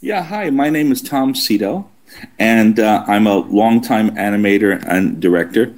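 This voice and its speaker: A middle-aged man chatting casually as an interview guest on an internet call, halting and good-humoured. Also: lowish voice, a little mellow. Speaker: interview guest, animation director.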